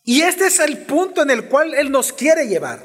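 A high-pitched man delivers a teaching sermon, speaking straight to the people in front of him and pressing his points with changing emphasis. His voice carries a long reverb from a large church hall. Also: big pitch swings, moderate pace. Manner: expository preaching, shifting pace and emphasis, addresses congregation directly. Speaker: pastor.

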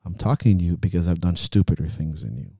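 A man's voice: low-pitched, fast talker, gravelly, warm tone, dry recording, clean studio sound. A man hosting a podcast as a coach, talking in a frank, reflective way and swearing freely. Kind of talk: casual podcast chat.

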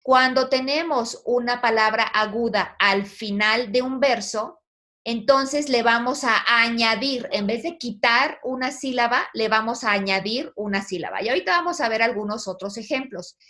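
A woman's voice: fairly high pitch, normal speed, sharp tone. A woman teaching a poetry lesson, asking her students questions and guiding them patiently. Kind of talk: online poetry class.

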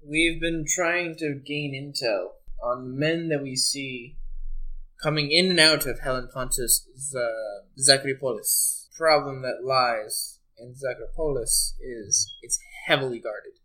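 A man voicing a grave rebel ship captain in a tabletop game, speaking low and serious. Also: a little slow, bright, forceful tone, low-quality recording.

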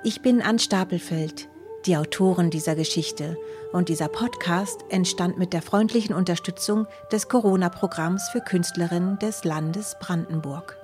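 A woman, author of the story, narrating it gently for children. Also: on the low side, normal speed, over music.

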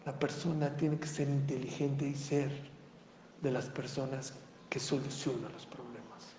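A man's voice: mid-range voice, fairly even intonation, unhurried, noisy background. A man giving a sermon as a rabbi, asking rhetorical questions and rising to emphatic outbursts. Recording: echoey hall, faint ambience.

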